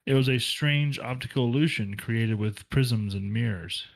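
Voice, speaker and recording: A man reading a novel aloud for a book club, in a plain, steady delivery with occasional slips and restarts. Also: medium pitch, normal speed, creaky, rough recording.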